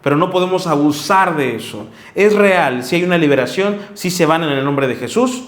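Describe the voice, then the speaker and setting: A man's voice: on the high side, animated, normal speed. A man preaching a sermon, reading Bible verses and earnestly scolding his listeners. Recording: echoey room.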